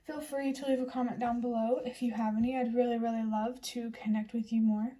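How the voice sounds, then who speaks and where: A young woman chats through a tarot reading in a gentle, reassuring manner. Her voice sits a little high but sounds mellow and dark-toned. She speaks in an even, level way. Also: a little fast. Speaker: tarot reader. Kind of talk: casual tarot reading to camera.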